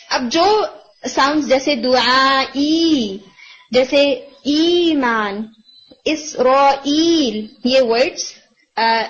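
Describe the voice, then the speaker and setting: A woman teaching a Quran recitation class, patiently explaining rules and quizzing her students, often slipping English words into her talk. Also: high voice. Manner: explains patiently, asks students questions and praises answers; mixes English words into Urdu. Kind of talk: online tajweed class. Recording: dull lo-fi audio.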